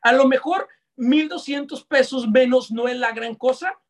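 A young Mexican man with a Mexican accent, giving live online sales coaching in a lively, slangy way that talks straight to his audience. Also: extremely high pitch, measured pace. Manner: energetic, slangy, addresses audience directly. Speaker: sales trainer.

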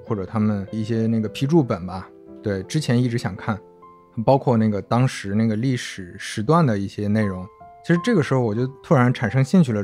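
A man in his thirties, a podcast guest, talking through his thoughts in a relaxed, reflective way with small restarts. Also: medium pitch. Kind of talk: casual podcast chat.

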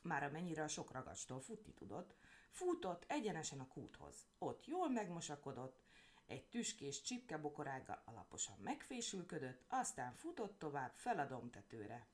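A woman reading a children's story aloud in a playful, expressive way. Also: sits low.

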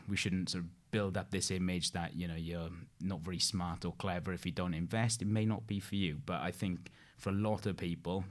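A man with a British accent explaining things conversationally as an interview guest, informal and rambling with repeated phrases. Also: low voice. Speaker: interview guest, investment expert.

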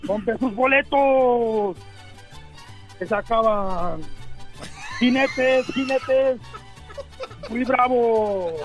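A man's voice: very high voice, extremely slow, long pauses, soft background music. A man delivering mock radio commercials in a playful announcer manner.

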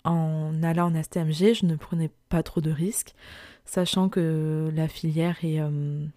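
Mellow young Frenchwoman, low morning voice. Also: flat delivery, measured pace, no echo, clean studio sound. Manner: informal, reflective, direct address to the listener. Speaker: podcast host, entrepreneur and part-time lecturer. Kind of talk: solo podcast, conversational storytelling.

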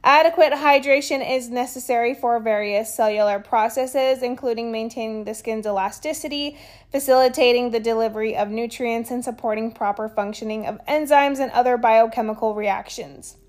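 A woman reading a skincare explainer in a steady way, with small stumbles and casual asides. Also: fairly high pitch, normal speed. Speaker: skincare educator.

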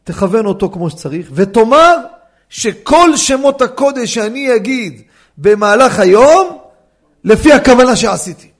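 Animated rabbi, gravelly high voice. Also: male voice. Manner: animated, fires rhetorical questions at listeners. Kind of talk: Torah law lecture. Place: study hall class.

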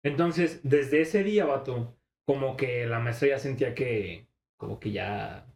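A man's voice: medium pitch, measured pace, gravelly, a little mellow, echoey room. A young man with a Mexican Spanish accent telling a story in casual chat, full of slang, laughing often and acting out the voices of the people in it.

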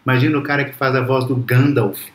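A man's voice: mid-range voice, level tone, fast, roomy sound. A man, reflective and storytelling, talking as a guest in a casual conversation. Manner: reflective, storytelling, frequent restarts.

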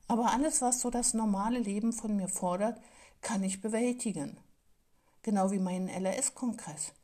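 Woman, motivational speaker, mellow warm tone, mid pitch, earnest and pleading. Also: slightly rough. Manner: earnest, pleading, repeats phrases for emphasis. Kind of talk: motivational monologue.

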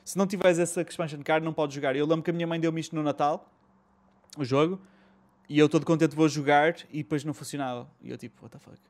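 Guy with a portugal portuguese accent, slightly high voice, chatty host, slang and english bits. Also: steady tone, quick pace, darkish tone. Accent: European Portuguese. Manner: colloquial, slangy, swears and mixes in English. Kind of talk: casual chat about retro gaming.

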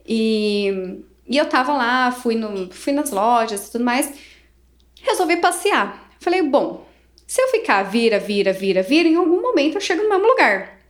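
A woman's voice: a little high, sing-song, normal speed. A young Brazilian woman with a Brazilian Portuguese accent, telling a travel story casually, acting out dialogue and laughing often.

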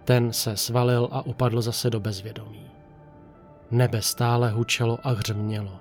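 A man calmly narrating a first-person horror story in a measured, scripted way. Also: mid-range voice. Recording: narration over faint music.

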